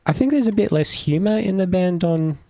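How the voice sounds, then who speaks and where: Male podcast host, gravelly, relaxed and chatty, dry sound. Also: high voice, brisk, dry recording. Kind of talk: casual chat.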